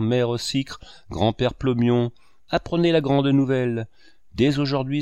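A man reading an audiobook, voicing a boisterous, sarcastic old man who declaims and breaks into booming laughter. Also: a little mellow, no echo, lightly acted. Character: boisterous sarcastic old male painter, mocking.

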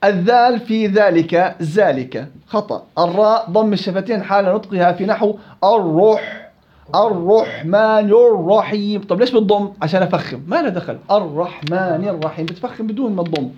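A man teaching Quran recitation rules to students in a classroom. He corrects them, repeats syllables to demonstrate each sound, and recites verses slowly. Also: high-pitched, animated, a little mellow. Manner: slow, drawn-out recitation of verses. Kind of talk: tajweed lesson with students. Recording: dull lo-fi recording.

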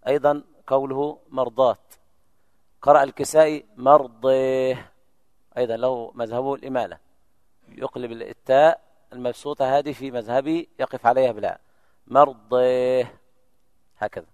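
A man of middling pitch recites example words slowly and with care, then explains them briskly in a religious lesson. His voice comes through dry and close on the microphone. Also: darkish tone, no echo. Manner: slow drawn-out recited examples between quick explanations. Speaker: Quran recitation teacher giving examples. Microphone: lecture microphone.

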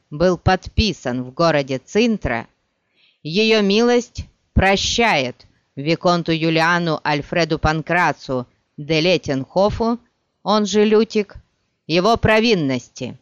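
A gloomy, weary court official, as a male narrator puts him on, coaxing in a low, soft voice in an audiobook. He talks slowly and patiently. The sound is dry and a touch muffled. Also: clean tone, no echo.

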